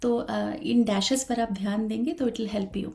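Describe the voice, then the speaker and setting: Woman chanting teacher, unhurried, careful with every letter, warm high voice. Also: fairly even intonation, creaky. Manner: slow, careful explanation with frequent hesitations; switches between talk and slow sung chanting. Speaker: Sanskrit recitation teacher. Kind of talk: online chanting lesson.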